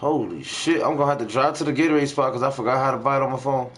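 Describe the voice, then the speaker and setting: A man hosts a gaming livestream, chatting casually in slangy, profane language. His mid-range voice comes out rapid-fire. The home stream is noisy, with game ambience in the background.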